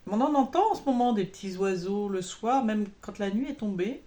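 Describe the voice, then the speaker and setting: A chatty woman, talking casually to her viewers. She rambles and corrects herself often, filling pauses with little hesitations. Her voice sits at an ordinary pitch for a woman. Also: animated, warm tone. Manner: chatty, rambling, many fillers and self-corrections. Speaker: cross-stitch vlogger. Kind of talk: casual chat to camera.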